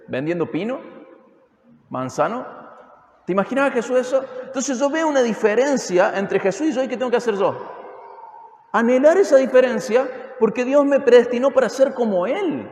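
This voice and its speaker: A man's voice: very high voice, darkish tone. A man preaching an expository sermon with an Argentine accent from Córdoba, pressing the congregation with emphatic rhetorical questions. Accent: Argentine Spanish (Córdoba). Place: church hall. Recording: echoey hall with long reverb.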